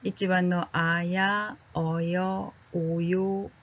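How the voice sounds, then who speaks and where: A woman teaching a friendly language lesson, slowly drilling vowels aloud and checking on her learners in a casual way. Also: on the low side, little pitch movement, muffled recording. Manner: casual and friendly, with fillers like "ano". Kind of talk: slow, gentle language lesson.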